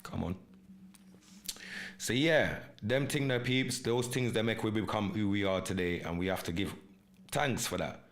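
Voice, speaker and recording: A man's voice: fairly low pitch, normal speed, long pauses. An English-born man with a Jamaican Patois-inflected English accent, hosting a live podcast in an emphatic, repetitive monologue that mixes in patois slang. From England. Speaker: podcast host.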